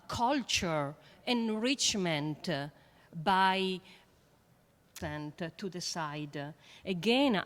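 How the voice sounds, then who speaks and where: A woman scientist speaking on a panel in an earnest, halting way, with many fillers and repeated words. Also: medium pitch. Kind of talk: panel discussion remarks.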